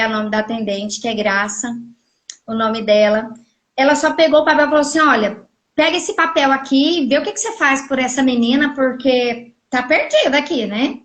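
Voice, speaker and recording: Woman from Goiás, middle-aged, high-pitched, animated storyteller, roomy live-stream sound. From Goiás, Brazil. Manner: animated, acts out quoted dialogue. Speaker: guest telling her story. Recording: echoey room audio from a live stream.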